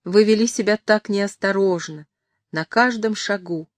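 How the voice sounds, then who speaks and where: A woman's voice: medium pitch, a little slow, no echo, pitched above the performer's own voice, lightly acted. A woman reading the part of a distressed, indignant noblewoman full of reproach. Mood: reproachful. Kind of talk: audiobook reading.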